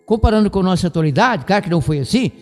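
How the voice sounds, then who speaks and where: A man's voice: sits high, animated, rapid-fire, darkish tone. A man with a Brazilian Portuguese accent teaching the Bible on a radio program, who wanders into side remarks, stops to correct himself aloud and spells words out letter by letter. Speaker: radio preacher. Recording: radio broadcast with long reverb and faint music.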